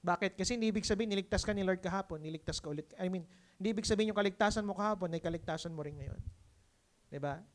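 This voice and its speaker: A man's voice: sits high, very fast. A man with a Filipino accent preaching a conversational sermon. He mixes English into his talk and keeps checking in with the congregation. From Philippines. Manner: lively, keeps asking the congregation "di ba?". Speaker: pastor.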